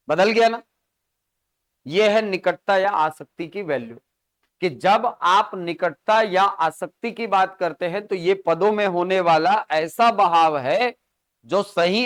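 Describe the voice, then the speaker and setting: Male coaching-class teacher, bright smooth tone, dry close sound, lectures with quick questions to the room. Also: sits high, no echo. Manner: explains with examples and frequent rhetorical check-ins to the class. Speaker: Hindi grammar teacher.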